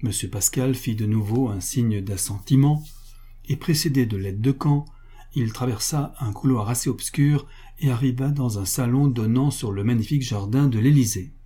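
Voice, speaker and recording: Man, audiobook narrator, husky voice, mellow dark tone, measured reading. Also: mid-range voice. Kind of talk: scripted narration.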